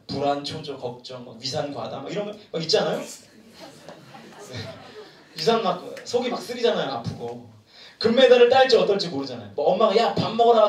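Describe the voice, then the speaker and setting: A male pastor preaching a sermon at a retreat, animated and joking, throwing questions to the crowd. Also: fairly high pitch. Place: large room at a retreat. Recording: echoey room from far off.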